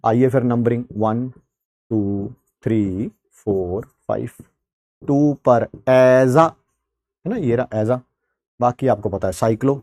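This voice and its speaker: A man's voice: medium pitch, takes it slowly, pauses often, warm tone, no echo, clean studio sound. A man with an Indian accent teaching an online chemistry class in a chatty way, talking straight to his students and mixing in English terms.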